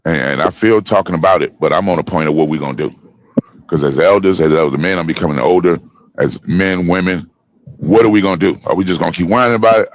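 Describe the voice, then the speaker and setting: A man in his fifties talking forcefully in a heated panel discussion, preaching in street slang. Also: deep voice, fast talker, no echo. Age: 50s. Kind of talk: heated casual panel talk.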